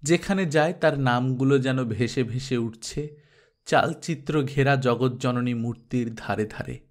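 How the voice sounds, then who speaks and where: A man reading a literary novel aloud as an audiobook narrator, in a tender, deliberate manner. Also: medium pitch.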